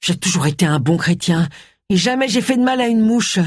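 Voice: medium pitch, lively intonation, fairly quick, no room sound, clean studio sound, close to an everyday voice. A narrator voicing a distraught man who dotes on his prize pumpkin and confesses a killing. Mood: confessing.

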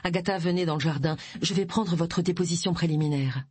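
A woman's voice: lowish voice, fairly quick, a little mellow, slightly rough, dry recording. A woman voicing a curt male police detective who gives short, commanding orders. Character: brisk male police detective, calm authority.

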